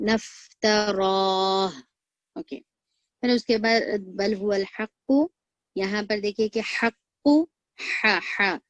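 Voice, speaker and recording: A woman's voice: mid-range voice, no room sound. Patient woman teaching recitation. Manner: patient, repeats words slowly for learners to copy. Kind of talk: recitation lesson.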